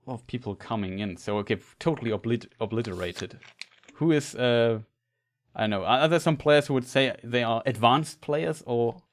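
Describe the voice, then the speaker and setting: A man's voice: medium pitch, normal speed. A man, an English speaker, chatting casually with viewers while live-streaming a game, rambling and restarting his sentences.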